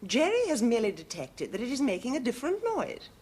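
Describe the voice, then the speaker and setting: A prim, pompous wife. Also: female voice, a little high, wildly swooping pitch, fast, a little mellow, slightly rough, exaggerated voice. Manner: stiffly formal, easily affronted. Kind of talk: 1970s sitcom acting.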